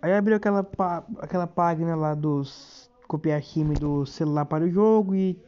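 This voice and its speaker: A man's voice: a little high, moderate pace, warm tone, clean tone. A man with a Brazilian accent casually talking viewers through a phone tutorial in a chatty, informal way. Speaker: tutorial host. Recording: dull lo-fi phone screen-recording audio.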